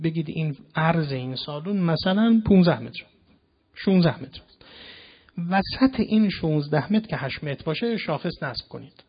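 A man preaching a sermon to an audience in a hall, explaining step by step and reciting Quranic verses slowly and deliberately. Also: fairly high pitch, breathy edge, dull audio. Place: lecture hall with a live audience.

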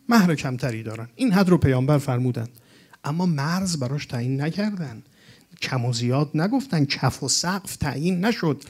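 A man preaching to a gathering, delivering a religious lecture in an emphatic way and reciting Arabic quotations. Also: medium pitch. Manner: emphatic, rising to animated peaks with Arabic quotations.

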